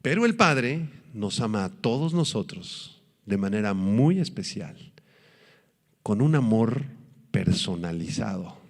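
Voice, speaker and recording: A pastor delivering a sermon, teaching in an animated way and slowing down to stress his points. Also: on the low side, in a large hall. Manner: animated preaching, acts out quoted voices, slows for emphasis.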